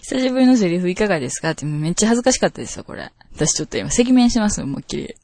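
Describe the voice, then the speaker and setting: A woman's voice: fairly low pitch, wildly swooping pitch, quick pace, darkish tone, no room sound. A woman with a Kansai accent hosting a casual radio show, reading listener mail in a chatty, laughing way. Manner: chatty, laughs often, self-conscious. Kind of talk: casual talk radio chat.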